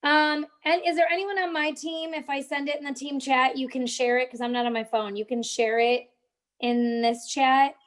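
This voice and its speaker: A woman's voice: high-pitched, steady tone, normal speed. A young woman hosting a casual live-stream tutorial, chatting with viewers in the chat as she walks them through social media tips.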